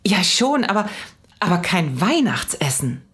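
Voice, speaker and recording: A woman voicing a flustered mother in a storybook reading, halting and nervous. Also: lowish voice, very animated, a bit bright, voice pushed up.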